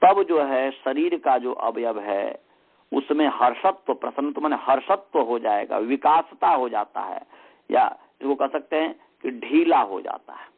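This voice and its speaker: A man teaching Sanskrit grammar, dictating lines slowly and repeating each phrase many times before he explains it. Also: mid-range voice, animated, breathy edge. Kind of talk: dictating and explaining a text to students. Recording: tinny phone-line sound.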